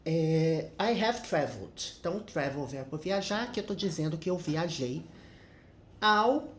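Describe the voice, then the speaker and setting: Brief: male English teacher, unhurried, chatty with tag questions, roomy echo. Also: on the high side, animated, slight background noise. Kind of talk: casual grammar lesson.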